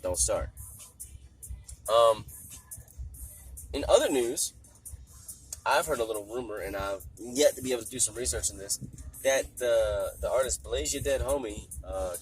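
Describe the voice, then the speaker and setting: A man with a smoker's rasp hosting a casual solo podcast in an informal, rambling, slangy way, with music behind him. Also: on the low side, normal speed, long pauses, rough recording. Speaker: podcast host. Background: music playing in the background.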